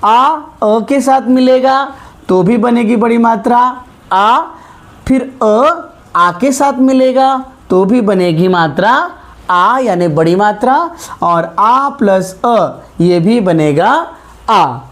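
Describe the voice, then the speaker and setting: A woman teaching a grammar lesson, stretching out sounds and often checking that students follow. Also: medium pitch. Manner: slow, drawn-out vowels, frequent check-ins. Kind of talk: classroom lesson at a board.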